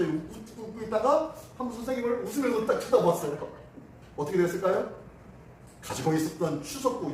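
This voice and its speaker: A middle-aged male pastor with a high-pitched voice preaches a sermon in a church sanctuary, telling stories and animatedly acting out the dialogue. He is picked up by a distant mic in the echoey hall, with slight background noise.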